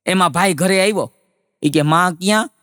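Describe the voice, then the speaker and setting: Male comedian, fairly high voice, dry close sound. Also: normal speed, clear, resonant tone, dry recording. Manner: lively storytelling, voices rising for punchlines. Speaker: stand-up comedian. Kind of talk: Gujarati joke telling.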